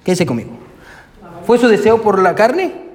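A man's voice: sits high, sing-song, moderate pace, darkish tone. A male pastor preaching a sermon, emphatic and full of rhetorical questions, often adding "amen". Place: church sanctuary. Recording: echoey church hall with long reverb.

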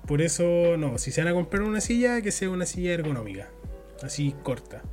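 A man's voice: fairly high pitch, animated, fairly quick, darkish tone, faint music behind. A young man with a Chilean accent co-hosting a podcast in loose, slangy, joking chat. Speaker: podcast co-host.

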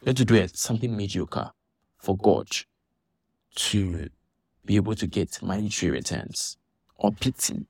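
Guy ranting on a vlog, kinda husky voice, dry close sound, keeps restarting and getting worked up. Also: fairly low pitch, normal speed, long pauses, no room sound. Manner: animated, indignant, restarts often. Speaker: church member commenting on a dispute. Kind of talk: casual monologue vlog.

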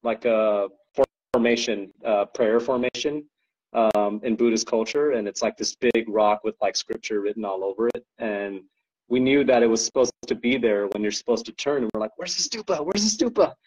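A man's voice: fairly low pitch, steady tone, normal speed, darkish tone, breathy edge, poor audio. A man chatting as a podcast guest, rambling with lots of ums and likes and frequent laughs. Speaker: guest co-owner describing an ultra race. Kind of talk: casual podcast chat.

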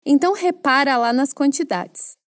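A woman with a Brazilian Portuguese accent teaching a French lesson, explaining phrases clearly and asking the listener to repeat after her. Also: sits high, moderate pace, dry recording, studio quality.

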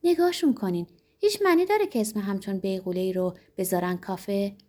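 A woman's voice: mid-range voice, warm tone, natural voice. A woman voicing a stout middle-aged innkeeper widow who grumbles scornfully, in a storybook reading.

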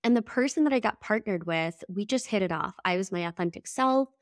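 A woman's voice: medium pitch, animated, brisk, no echo, clean studio sound. A woman hosting a solo podcast episode, sounding nasal and congested from a head cold, in an earnest, reflective manner. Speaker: podcast host.

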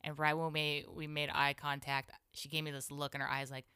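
A woman co-hosting a casual chat, telling animated stories and acting out what people said. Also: a little fast, clear, resonant tone, dry recording, clean studio sound. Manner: animated, acts out quotes with pitch jumps and whispers.

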